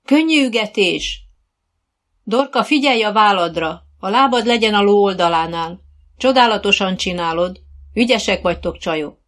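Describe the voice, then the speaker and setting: A woman's voice: medium pitch, fairly bright tone, lightly acted. A woman voicing an adult female riding instructor who is patient and encouraging, calling out commands to her pupils.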